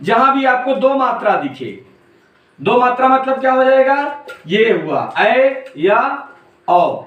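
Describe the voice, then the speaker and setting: A man teaching an exam-prep grammar lesson with a very high-pitched voice. He drills each point over and over, addressing students fondly as "beta". The recording is roomy and echoey, with the mic set some distance away. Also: very animated, takes it slowly, a bit bright, highs cut off.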